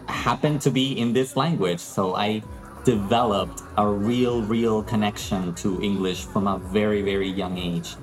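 Heard through poor audio, a man from Peru who teaches English chats as an interview guest in a warm, reflective manner, his fairly low voice dotted with occasional fillers.

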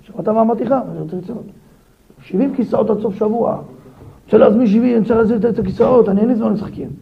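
A rabbi teaching a daily Torah lesson, his voice high-pitched and full of gravelly fry. He talks in a lively way and keeps throwing pointed rhetorical questions at his listeners. The recording sounds dull and lo-fi.

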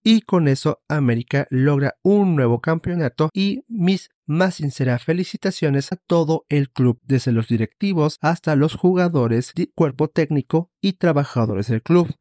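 A man's voice: on the high side, lively intonation, a little slow, few pauses, dark tone, no room sound, studio quality. A man giving a formal, semi-scripted match summary as a contributor to a fan show.

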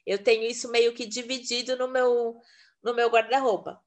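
Chatty woman with a higher voice. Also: fairly even intonation. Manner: chatty and laughing, quick asides. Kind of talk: casual chat.

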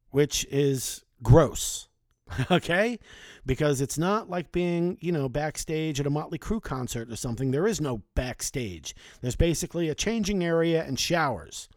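A man's voice: on the high side, dry recording, clean studio sound. A man in his forties telling casual, chatty anecdotes from his youth, talking loosely and swearing now and then. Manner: chatty, conversational, with mild swearing. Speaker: storyteller.

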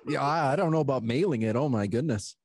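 A man hosts a casual podcast chat in an easygoing, laughing manner. His voice is mellow and warm, with a dry close sound. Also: mid-range voice, quick pace, dry recording. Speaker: podcast host.

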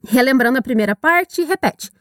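A woman from Brazil teaching English in a scripted audio lesson, upbeat and encouraging, with slow drilled repetitions. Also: high voice, expressive, no echo, clean studio sound.

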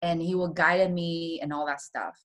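A woman from Taiwan talks as an interview guest, telling her own story. Her voice sits a little low and she speaks softly. Nervous laughs break into her telling. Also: steady tone, moderate pace. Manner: soft-spoken, laughs nervously between painful memories.

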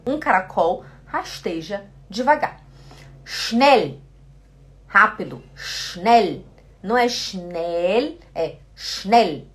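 A Portuguese-speaking woman teaching German pronunciation, repeating each word again and again. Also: mid-range voice. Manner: slow, repeats words many times. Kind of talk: pronunciation lesson.

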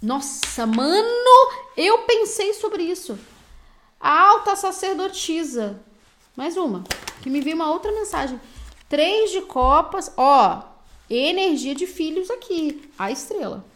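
Blunt high-voiced Brazilian woman reading tarot. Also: animated, unhurried, fairly bright tone, a little hiss or hum. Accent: Brazilian Portuguese. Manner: blunt, direct, slangy pep talk. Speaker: tarot reader.

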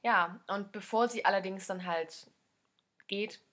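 A woman's voice: mid-range voice, a little slow, a bit bright. A young woman co-hosting a casual podcast, rambling in slang and acting out quotes. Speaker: podcast co-host. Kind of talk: casual book-discussion chat.

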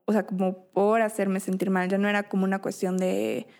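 A woman's voice: mid-range voice, flat delivery, a little fast, a little mellow. A young woman with a Mexican accent talks through her story in casual conversation. Her speech is candid and slangy, with frequent swearing. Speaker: guest.

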